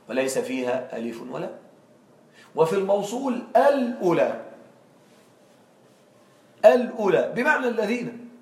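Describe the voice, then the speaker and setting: A male teacher giving a classroom grammar lesson, regularly checking understanding with quick questions to his students. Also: a little high, a little mellow. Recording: echoey room, far from mic.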